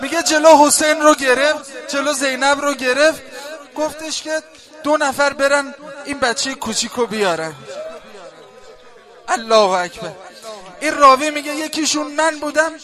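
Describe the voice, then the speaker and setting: A male preacher narrating a mourning story, moving between hushed telling and loud cries. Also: very high voice.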